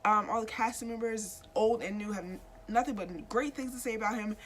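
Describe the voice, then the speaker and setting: A woman in her thirties hosts a casual comic book news chat on YouTube, a little stuffy from a cold. Chatty, she speaks straight to her viewers and asks them questions directly. Her fairly high voice is a bit bright and fairly quick, with a slight hiss or hum.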